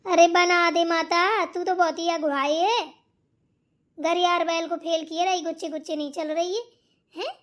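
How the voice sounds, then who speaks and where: A woman's voice: very high voice, steady tone, moderate pace, fairly bright tone. A woman voicing a bossy, scolding older mother-in-law in a cartoon. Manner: nagging, scolding. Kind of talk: cartoon voice acting.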